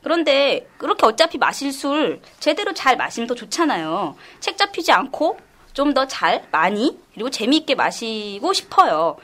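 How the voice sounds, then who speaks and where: A chatty young woman talks eagerly on a radio talk show. Her disguised voice sits high and swings widely in pitch, with a playful, joking manner. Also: sing-song, normal speed, fairly bright tone. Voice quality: voice disguised to sound higher. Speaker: guest. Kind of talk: casual talk show chat.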